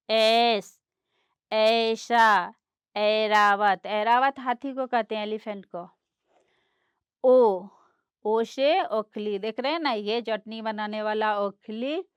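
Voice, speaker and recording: A woman teaching young children, explaining slowly and patiently and mixing words into her lessons. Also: fairly high pitch, smooth, no room sound, studio quality. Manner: slow, patient, explaining and pointing things out; mixes English words into Hindi explanations.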